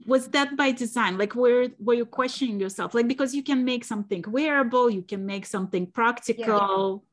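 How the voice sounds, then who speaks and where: A woman's voice: on the high side, moderate pace. A woman in her forties hosting a video-call interview, asking loose, casual questions. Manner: casual, filler-heavy questions with many "like"s. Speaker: podcast host. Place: home room with shelves of yarn.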